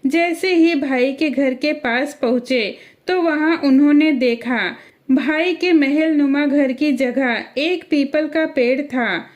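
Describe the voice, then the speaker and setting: A woman narrating a cartoon story in a measured, scripted storytelling manner. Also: high voice.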